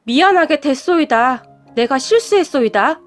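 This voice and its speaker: A woman voicing a spiteful, quick-tempered middle-aged woman who snaps and talks down to others. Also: high voice, expressive, faint music behind. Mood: grudging. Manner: snapping, rude, talks down.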